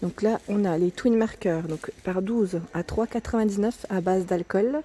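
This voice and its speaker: A woman films herself in a store aisle on a handheld phone, chatting her way through the shelves. Her voice is mellow but cracks in the early morning, and she keeps correcting herself, sometimes dropping to a near whisper. Faint store noise sits behind her. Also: mid-range voice, normal speed. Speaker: vlogger showing new store arrivals. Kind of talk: casual product walkthrough.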